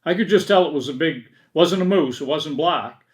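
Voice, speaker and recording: A man's voice: on the high side, expressive, moderate pace. Man, podcast guest, casual chat, lots of "yeah", repeats phrases. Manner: frequent short affirmations, repeats himself. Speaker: podcast guest and hunting partner.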